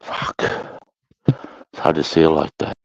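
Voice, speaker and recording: A man's voice: rumbling low, monotone, takes it slowly, gravelly, darkish tone, dry recording. A man with an Australasian accent chatting casually in a blokey, slangy way, swearing freely. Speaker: host of a live chat. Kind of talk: casual chat. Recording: dull lo-fi sound.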